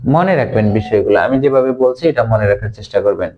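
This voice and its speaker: A man teaching a language class casually, repeating words slowly as he drills them. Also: fairly low pitch, lively intonation, lo-fi sound. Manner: slow and repetitive, drilling words.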